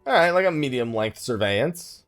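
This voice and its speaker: Hosting a let's play, a gaming YouTuber offers casual, rambling commentary and thinks aloud while playing. He has a mid-range, fairly bright voice with lively intonation and a moderate pace. Soft music plays underneath.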